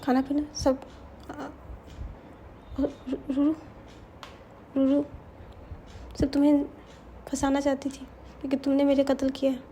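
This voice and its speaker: A murdered young woman's ghost pleads in a high, soft voice, stammering as she insists she did no harm, as a woman storyteller puts her on. The tone is mellow and dark. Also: completely flat delivery, a little slow, long pauses, slight background noise. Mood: soothing.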